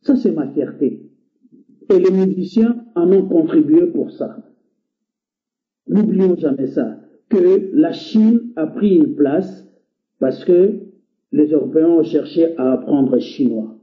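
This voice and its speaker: A fairly high-pitched man speaks slowly and expressively over a tinny, phone-like internet call. He is a guest on a call-in show from the Democratic Republic of the Congo, whose first language is Lingala or another Congolese language rather than French. He earnestly exhorts listeners with impassioned talk, hesitating frequently.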